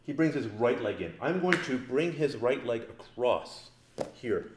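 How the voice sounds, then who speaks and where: The room is echoey and there's background noise as a grappling instructor demonstrates on a partner at the mat room. His mid-range voice has lively intonation and an unhurried pace, and he keeps things casual and jokey while explaining each step.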